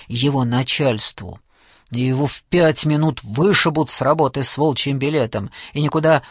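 A man's voice: no echo, studio quality, lightly acted. A man reading an audiobook, voicing a domineering older aunt who screams abuse at her family. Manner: screaming, abusive, shrill outbursts. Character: shrieking furious older aunt, domineering woman.

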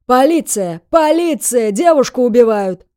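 Woman doing a fussy old guy bystander, loud, rattles it off fast. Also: a little high, animated, smooth, dry recording, studio quality, pitched above the performer's own voice. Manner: loud, hurried. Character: fussy older male bystander, loud and eager.

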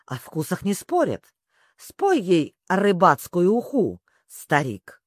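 Storybook griffin, male, fussy and grumbling, swooping pitch, slow, dry sound, as the reader puts him on. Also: no echo, exaggerated voice. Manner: grumbling, excitable.

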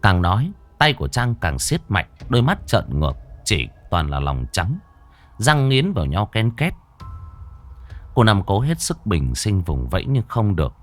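A man narrating a horror story in a dramatic, expressive storytelling manner. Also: lowish voice, normal speed, faint music behind.

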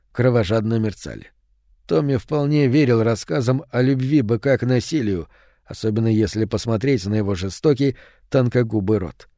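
Мужчина читает аудиокнигу ровным повествовательным голосом средней высоты. Запись сухая, близкая, без отзвука комнаты. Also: male voice, medium pitch, no echo, clean studio sound. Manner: steady storytelling. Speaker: audiobook narrator. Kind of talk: scripted audiobook narration.

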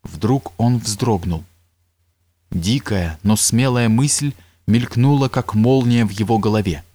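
A man reading an audiobook in a measured, solemn narration. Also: lowish voice, warm tone, no echo. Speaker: audiobook reader. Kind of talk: scripted narration.

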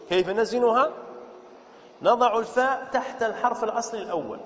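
A man teaching a classroom lesson step by step, repeating points, quizzing his listeners and slowing down to spell out pattern words. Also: high-pitched. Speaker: sheikh teaching Arabic morphology. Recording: dull, echoey hall with faint noise.

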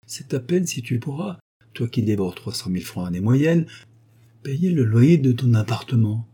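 A cynical male journalist, read by a man in an audiobook, jovial on the surface and scheming beneath. He talks in a brisk, mocking, commanding way, with a dark, slightly husky tone that sits a little higher than plain narration. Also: lively intonation. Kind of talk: audiobook character voice.

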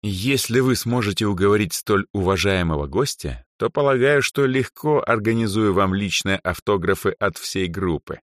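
A man voicing a polite, good-natured older male music organizer in an audiobook, speaking in a courteous, smooth way. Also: lowish voice, lively intonation, moderate pace, hardly any pauses, dry recording, clean studio sound, voice pushed up, natural voice. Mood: pleased.

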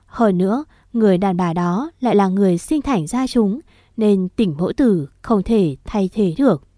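A woman narrating a story in a steady, gentle reading voice. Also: mid-range voice, moderate pace, no room sound, studio quality.

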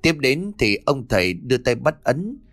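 A man narrating a horror audiobook in an expressive, dramatic storytelling manner. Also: medium pitch, moderate pace, dry recording. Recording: dry close studio read, faint music.

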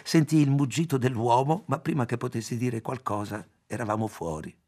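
A man narrating a literary audiobook in a measured, even storytelling manner. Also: mid-range voice.

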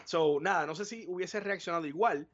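A man co-hosting a live podcast, animated and profane, acting out his reactions. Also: high voice, a little fast, highs cut off. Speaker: podcast co-host. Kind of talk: casual live podcast chat.

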